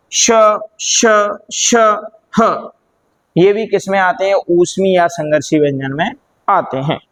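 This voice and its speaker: A man's voice: high voice, a bit bright. A man teaching Hindi grammar, sounding out letters one by one and asking questions he then answers himself, addressing students as children. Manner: drills sounds aloud, asks and answers own questions, calls listeners "beta". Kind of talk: classroom lesson.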